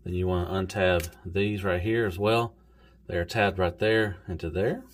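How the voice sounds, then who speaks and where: Man, Southern US accent, lowish voice, casual toy review, rambling, folksy. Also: fairly even intonation, a little slow, slight background noise. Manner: easygoing, rambling, says "golly" and "y'all".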